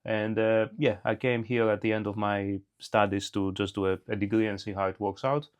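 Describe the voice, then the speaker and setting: A man's voice: lowish voice, flat delivery, moderate pace, smooth. A middle-aged man from Greece, a podcast guest talking in an unscripted way, thoughtful and hesitant with many restarts. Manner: reflective, hesitant, frequent restarts.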